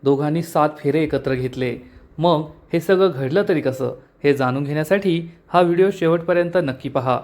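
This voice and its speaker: A man's voice: a little high, normal speed. Man recapping a TV serial. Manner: animated, storytelling. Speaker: TV serial reviewer. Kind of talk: dramatic episode recap.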